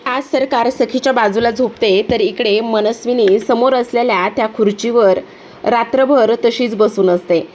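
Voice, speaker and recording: A woman retelling a TV serial episode scene by scene, in a steady, repetitive storytelling voice. Her pitch sits a little high for a woman. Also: normal speed, slight background noise. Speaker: TV serial recap narrator.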